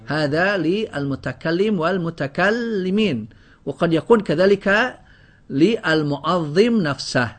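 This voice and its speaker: A man's voice: on the high side, lively intonation, slow. A man teaching a grammar lesson to a class, drilling word lists and quizzing students with questions. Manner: often breaks off and restarts words.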